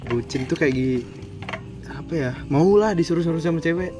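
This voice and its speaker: A young man as a guest on a casual talk show, animated and acting out little scenes. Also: on the high side, brisk, faint music behind. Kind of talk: casual chat.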